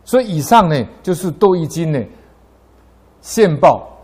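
Middle-aged man, fairly high voice, Buddhist dharma talk, climbs in pitch during anecdotes. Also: animated, unhurried, darkish tone, breathy edge. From Taiwan. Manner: storytelling, voice rising sharply in anecdotes. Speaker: lay Buddhist speaker.

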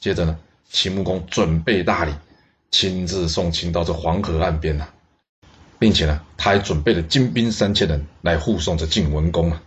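A man telling a historical tale in a lively way, exclaiming and speaking asides to the listeners. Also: low voice, normal speed. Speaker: storyteller. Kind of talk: historical storytelling. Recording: dull lo-fi recording.

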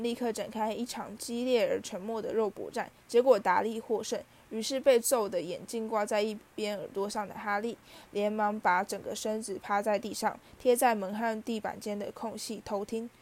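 Lady reading a storybook aloud, steady expressive narration. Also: medium pitch, normal speed. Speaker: audiobook reader.

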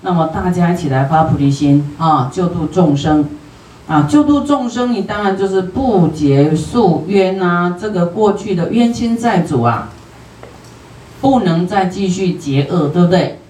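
A Buddhist teacher with a Taiwanese Mandarin accent lectures on a sutra, unhurried and homely, and dots every sentence with drawn-out particles. The voice sits some distance from the microphone in a roomy, echoing space with a faint hum of ambience behind it. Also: medium pitch, animated, a little mellow. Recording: roomy hall, distant from the mic.

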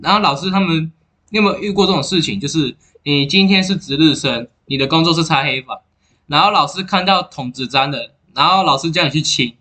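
A man's voice: fairly high pitch, brisk, pushed and bright. A young man, a co-host in a casual chat, ranting and laughing as he talks. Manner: chatty, laughs while ranting.

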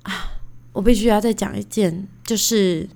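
A woman in her thirties hosting a casual solo podcast, telling stories in a chatty, animated way with lots of fillers. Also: medium pitch, normal speed, vocal fry. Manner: chatty, animated, indignant retelling; many fillers like "you know". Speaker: podcast host.

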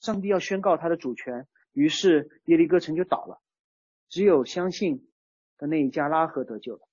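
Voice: mid-range voice, normal speed, darkish tone, slightly rough, dry recording, highs cut off. A preacher giving a sermon in a conversational way, using everyday examples. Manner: conversational, uses everyday chat-group analogies. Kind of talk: sermon on a psalm.

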